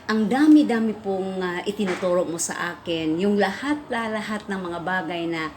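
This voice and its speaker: Chatty Visayan woman, noisy room. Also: normal speed. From Visayas, Philippines. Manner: chatty, many fillers, rises in pitch when excited. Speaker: preschool teacher. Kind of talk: casual storytelling vlog.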